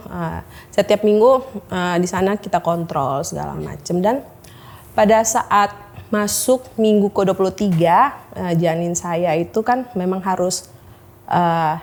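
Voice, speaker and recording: Woman in her 30s, talks slow and halting with lots of ums, retells doctor chats. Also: on the low side, darkish tone. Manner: hesitant, many fillers, quotes doctors in dialogue. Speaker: guest sharing her story. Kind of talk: emotional personal testimony.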